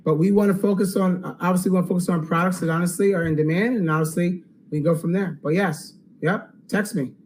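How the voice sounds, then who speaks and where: A man hosting a live webinar Q&A, upbeat and salesy, checking in with "okay?" and going hoarse. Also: sits high, steady tone, fast, few pauses, a little mellow, slight background noise, rough recording. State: losing his voice. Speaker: online course host.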